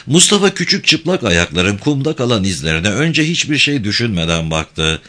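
A man reading a literary story aloud in an expressive audiobook style. His voice is bright and clear, and his pitch moves in lively arcs through the narration. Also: moderate pace. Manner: expressive, voices each character.

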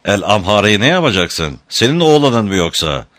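A man voicing a scornful, cruel male captive who answers in quick, mocking lines, pitched well above his narration. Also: sing-song, fairly bright tone, dry recording.

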